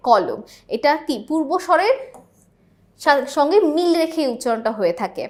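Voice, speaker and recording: A young woman with a high, light voice teaches a lesson. She explains each point patiently and keeps checking whether her students follow. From Bangladesh. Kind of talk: classroom lesson explaining exam questions.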